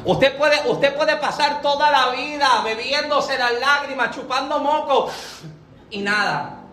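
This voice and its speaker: A woman preaching a fervent sermon, building to shouted peaks. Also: sits high, unhurried, reverberant, soft background music.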